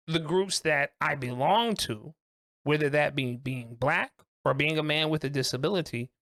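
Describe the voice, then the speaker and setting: A man co-hosting a podcast discussion, talking earnestly and reflectively in deliberate, emphatic phrases. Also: fairly high pitch, a bit bright, no room sound, studio quality. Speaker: co-host.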